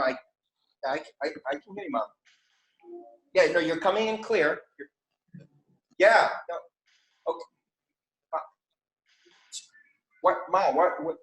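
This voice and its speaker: A man's voice: on the high side, a bit bright, reverberant, low-quality recording. A man performing a comic monologue as a flustered grown son on a video call with his mother, stammering and repeating himself.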